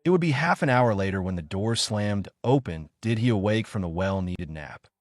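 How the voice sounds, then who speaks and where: A man with a fairly low voice reads a fan fiction story aloud at a steady pace. He misreads a word now and then. The sound is dry and close to the mic. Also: normal speed, dry recording. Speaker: reader.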